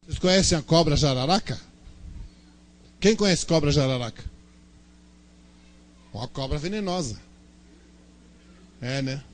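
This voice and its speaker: A man's voice: fairly high pitch, expressive, a little slow, pauses often. A Brazilian man at a youth church service, telling a joking anecdote in a chatty way and checking in with his listeners. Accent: Brazilian Portuguese.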